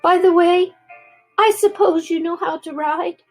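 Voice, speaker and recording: Grandma doing a proud, bossy talking war horse. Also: female voice, very high-pitched, steady tone, unhurried, soft background music, pitched above the performer's own voice, low-quality recording. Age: older. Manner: scornful, bossy, then gently coaxing.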